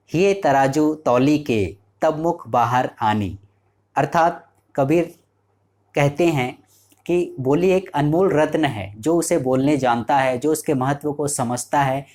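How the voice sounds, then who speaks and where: A man's voice: fairly high pitch, a little mellow. A male teacher giving a lecture. He explains each point step by step and keeps checking in with his students. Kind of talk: classroom lecture.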